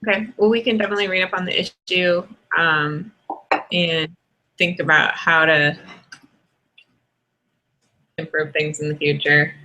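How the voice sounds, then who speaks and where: A woman hosting an online developer meeting and wrapping it up briskly. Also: deep voice, steady tone, sharp tone, slight background noise, poor audio. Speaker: meeting host. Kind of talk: casual meeting talk.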